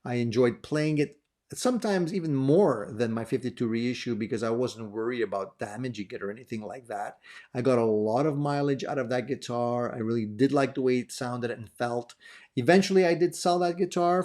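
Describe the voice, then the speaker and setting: A man over thirty runs a guitar gear video channel and answers viewer questions casually on camera. His voice is medium-pitched and darkish, a little fast, and his easygoing talk is full of fillers and restarts.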